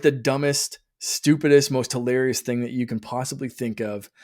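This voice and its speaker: A man's voice: mid-range voice, a little mellow. A man hosting a podcast, chatting casually and laughing often. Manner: chatty, laughs often, acts out quoted voices. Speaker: podcast host. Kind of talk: casual chat.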